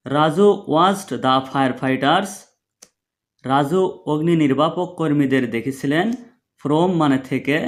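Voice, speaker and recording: ধীরে বানান করে পড়ানো শিক্ষক. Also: male voice, on the high side. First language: Bengali. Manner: slow, spells words letter by letter, repeats syllables. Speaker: English teacher. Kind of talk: spelling and translating an English text.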